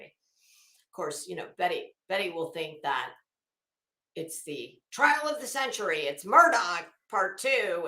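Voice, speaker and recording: A mid-range voice, pushed and bright, belongs to a woman online commentator reading a legal motion aloud. She delivers it dramatically, adding mocking asides in a sarcastic, taunting, emphatic way, bluntly and with swearing. The room sounds echoey.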